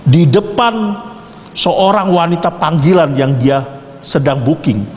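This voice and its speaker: A man teaching a theology class, quizzing students with quick, joking questions and telling stories. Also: fairly high pitch, expressive, a little mellow. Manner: jokey, rapid-fire questioning of students. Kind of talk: interactive class lecture with storytelling. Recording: echoey hall, faint background hiss.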